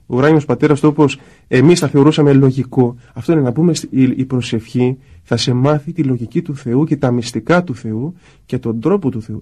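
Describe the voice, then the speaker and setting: A man's voice: medium pitch, slightly rough. A man, a priest, talking about prayer in a conversational way and acting out quoted voices as he goes. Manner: acts out quoted voices in lively asides.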